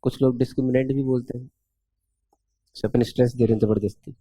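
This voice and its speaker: A man teaching math in a chatty, playful classroom lecture, quizzing students with rhetorical questions and stretching out formulas slowly. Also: medium pitch, fairly even intonation, warm tone, husky, no room sound.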